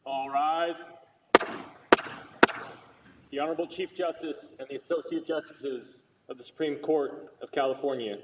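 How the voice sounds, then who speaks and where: A man's voice: fairly high pitch, fairly even intonation, measured pace, long pauses. Distant man proclaiming in an echoing hall. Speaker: court crier. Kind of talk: formal ceremonial proclamation. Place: large courtroom. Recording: echoey hall, distant mic, faint noise.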